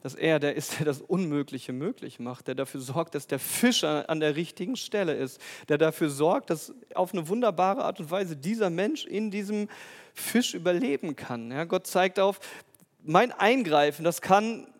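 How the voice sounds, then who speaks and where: A man preaching a sermon, lively and emphatic, often asking his listeners questions. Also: on the high side, moderate pace, big-room sound.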